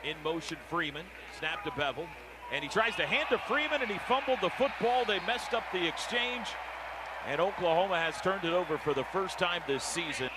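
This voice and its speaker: Calling football live on the radio, a man with an American accent speaks fairly quickly in a high, expressive voice. Loud stadium noise fills the broadcast as his clipped commentary rises to shouts on the big plays.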